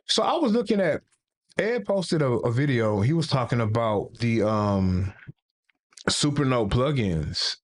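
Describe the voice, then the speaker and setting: A man's voice: medium pitch, big pitch swings, unhurried. A man hosting a casual tech livestream, rambling and playful and often restarting his sentences. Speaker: livestream host.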